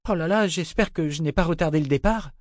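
A man voicing a dazed, vain, sharp-tongued teenage girl in a raised girlish pitch, in a storybook reading. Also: fast talker, no echo, studio quality, close to an everyday voice. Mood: affected.

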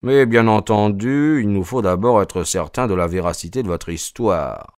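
A man's voice: fairly low pitch, normal speed, a little mellow, no echo, clean studio sound, lightly acted. A man reading an audiobook, voicing a greedy, impatient army officer in a commanding tone. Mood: brisk. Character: scheming British army officer, middle-aged man, greedy.

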